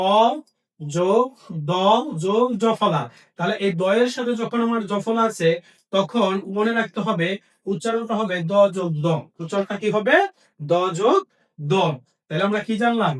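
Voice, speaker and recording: A man's voice: high-pitched, recorded from a distance. A male teacher giving an exam-prep grammar lesson, asking questions and answering them himself and repeating key points.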